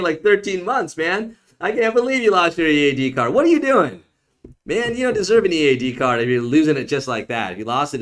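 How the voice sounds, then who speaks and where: A man's voice: medium pitch, fairly bright tone. A man who is an immigration attorney, answering viewer questions on a live stream in a casual, joking way. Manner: casual, joking, teasing viewers, frequent "okay?".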